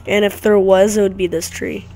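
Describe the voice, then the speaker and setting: A woman's voice: medium pitch, level tone, normal speed, dark tone. A woman rambling through casual gameplay commentary with chatty asides to her viewers, recorded on a desk mic at home. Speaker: gaming YouTuber. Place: home room with dogs nearby. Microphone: desk mic near a clicky keyboard.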